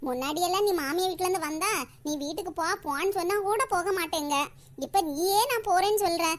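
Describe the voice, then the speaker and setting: A woman voicing both a fond village mother and her reformed grown daughter in an animated comedy, with a Kanyakumari Tamil accent. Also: fast. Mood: doting. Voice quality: high, bright, sing-song. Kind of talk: animated cartoon voice acting.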